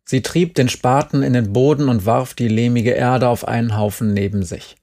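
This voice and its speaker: A man reading an audiobook aloud in a measured, unhurried narration. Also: medium pitch, steady tone, mellow. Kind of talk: scripted narration.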